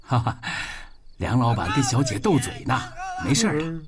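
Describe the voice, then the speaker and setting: A man's voice: medium pitch, very animated, normal speed, crowd noise, natural voice. An actor playing a deferential shop clerk who reports accounts to his boss. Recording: distant mic with score underneath.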